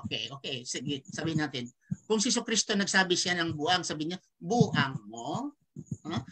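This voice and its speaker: A man's voice: fairly high pitch, lively intonation, quick pace, bright, forceful tone, low-quality recording. A man giving an argumentative religious lecture over an online call, pressing rhetorical questions with a repeated "ha?". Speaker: religious debater.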